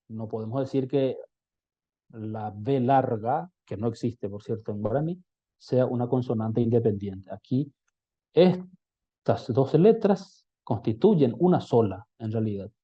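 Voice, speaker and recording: A man teaching a recorded language lesson, explaining patiently and repeating example phrases slowly. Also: medium pitch, breathy edge. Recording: slightly dull lo-fi recording.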